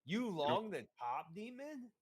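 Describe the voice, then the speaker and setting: A man chatting on a live trading stream, hyped and swearing freely. His pitch leaps up and down with his energy, often spiking into loud exclamations. He talks in a loose, casual way. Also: expressive, normal speed. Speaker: crypto trader on a live stream.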